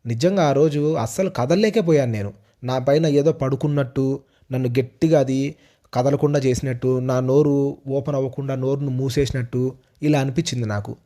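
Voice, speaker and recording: A man's voice: medium pitch, fairly quick, mellow. A young man narrating a personal ghost story in a casual, repetitive way with small restarts. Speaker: storyteller host.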